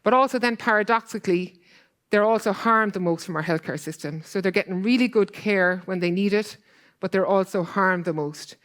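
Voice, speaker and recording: A woman speaks at a conference at a middle pitch. Her delivery is earnest and quick. She fills her sentences with "kind of" and "like" as she goes. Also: a bit bright. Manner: earnest, fast, loose with fillers like "kind of". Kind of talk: conference talk. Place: conference hall.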